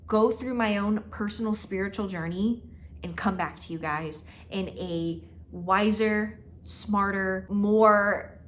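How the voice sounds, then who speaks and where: A woman's voice: medium pitch, slow, a little hiss or hum. A woman in her twenties chatting casually to camera in her apartment, talking emphatically and laughing often. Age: 20s. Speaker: vlogger. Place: her own apartment, indoors.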